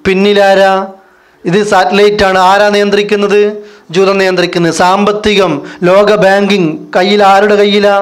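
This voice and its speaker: High-voiced preacher. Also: male voice. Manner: asks rhetorical questions and answers them himself. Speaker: Islamic preacher. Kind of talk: religious lecture.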